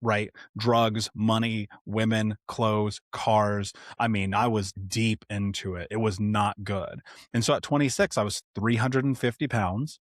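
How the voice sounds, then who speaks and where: A man's voice: lowish voice, fairly even intonation, a little slow, no room sound, studio quality. A man from the United States, a podcast guest, telling his own life story in a candid, emphatic way, swearing casually and acting out old conversations. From Indianapolis, United States. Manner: blunt and emphatic, swears casually, retells past dialogue.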